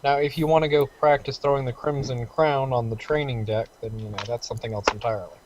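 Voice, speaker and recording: A man acting as game master for a tabletop game over voice chat, relaxed and halting. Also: mid-range voice. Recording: dull lo-fi voice chat with faint hiss.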